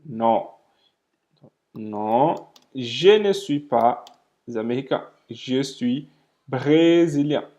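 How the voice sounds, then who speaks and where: A man with a Brazilian Portuguese accent leads a live online French lesson, walking through it step by step and checking in often with "ok?". His voice is a little high with a darkish tone, and he slows down to pronounce the French words.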